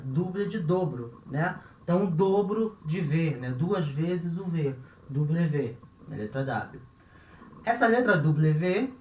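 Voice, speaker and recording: A Brazilian man teaching a language lesson, patiently repeating each example word and checking in with the listener after nearly every phrase. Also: on the high side. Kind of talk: classroom-style language lesson. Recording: roomy, dull lo-fi recording.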